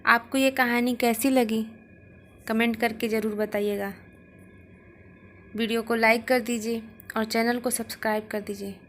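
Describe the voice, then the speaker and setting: A woman reading a short story aloud as narrator, in a measured, steady way. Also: fairly high pitch, slight background noise.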